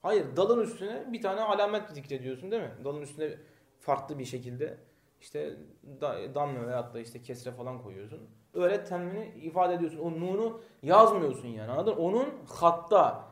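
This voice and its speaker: A man's voice: fairly high pitch, animated, moderate pace. A man teaching a grammar lesson, reading short Arabic lines and explaining them step by step while asking the class questions.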